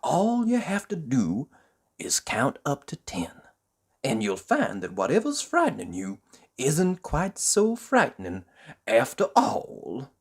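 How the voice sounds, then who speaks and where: A reader doing a kindly wandering tramp who talks in a soft, reassuring way. The delivery is slow and unhurried, with a lively, warm lilt fit for a storybook. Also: medium pitch, breathy edge, voice pushed up, exaggerated voice. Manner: gentle, reassuring. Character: kindly, gentle old male tramp. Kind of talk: storybook reading.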